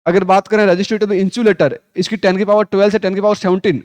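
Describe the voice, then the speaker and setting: A male physics teacher running a Hindi class lecture, quizzing students with repeated questions, calling them 'beta', and reading textbook lines slowly. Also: sits high, little pitch movement, a little mellow, no echo. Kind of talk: classroom lecture with call-and-response drills.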